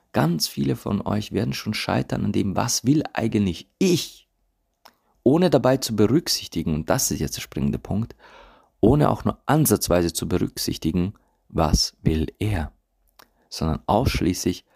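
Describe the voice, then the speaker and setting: Deep gravelly German-speaking man coaching. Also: darkish tone. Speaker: podcast host and tantra coach. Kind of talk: monologue podcast. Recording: recorded without usual laptop setup.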